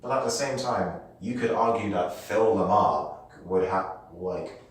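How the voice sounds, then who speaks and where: A British man with a very low voice co-hosts a casual podcast debate, pressing his partner with long, reworded questions. He sits away from the mic in a strongly echoing room. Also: unhurried. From Britain. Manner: probing, asks long rephrased questions. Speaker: podcast co-host. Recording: very echoey room, distant mic.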